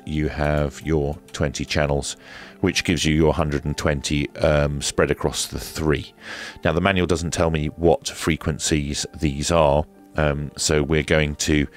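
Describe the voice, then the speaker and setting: Speaking with a very deep voice, he demonstrates radio equipment casually and hands-on, laying out every step methodically though with some hesitation.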